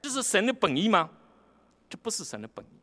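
A man with a high voice delivers a sermon, expounding scripture line by line. He reads the verses slowly and deliberately, then turns to the listeners with rhetorical questions. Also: sing-song, a bit bright. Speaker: preacher.

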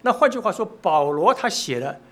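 A man's voice: sits high, very animated, fairly quick, fairly bright tone. A man preaching a sermon, speaking with frequent filler sounds and rising emphatic peaks. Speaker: pastor.

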